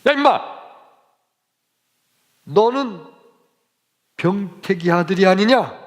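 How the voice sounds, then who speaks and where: A man playing a gruff shouting melon-field keeper. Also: on the high side, animated, takes it slowly, long reverb tail, voice pushed up. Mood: scolding. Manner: loud scolding shouts. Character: gruff middle-aged male melon-field keeper scolding boys.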